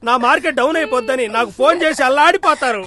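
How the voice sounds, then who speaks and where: A man playing a bumbling film director who rattles on with pompous flattery, with film music behind him. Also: very high-pitched, fast talker. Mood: flattering. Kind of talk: Telugu-dubbed film comedy.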